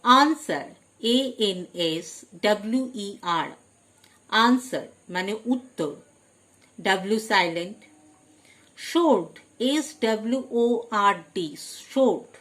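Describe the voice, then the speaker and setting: A woman's voice: mid-range voice, slow pace, fairly bright tone. A woman teaching vocabulary, spelling each word out letter by letter and stressing each headword. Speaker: English teacher. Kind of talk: slow vocabulary lesson, spelling words letter by letter.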